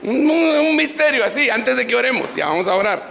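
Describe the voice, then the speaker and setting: A man's voice: extremely high pitch, expressive, fairly quick, vocal fry, bright, forceful tone, echoey room, long reverb tail, slight background noise, rough recording. A man preaching a sermon as pastor, leading the congregation in prayer. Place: church.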